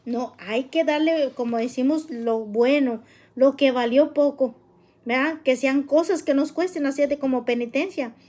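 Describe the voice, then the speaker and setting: Woman, religious teacher, high soft-toned voice, casual hesitant delivery full of fillers. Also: a little slow. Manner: explains with constant tag questions and fillers; plain, patient, conversational.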